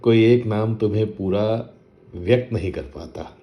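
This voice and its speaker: A man voicing a doting middle-aged single father who talks to his daughter softly, with affection and teasing. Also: on the low side, a little slow, muffled recording, voice pushed up, close to an everyday voice. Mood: tender.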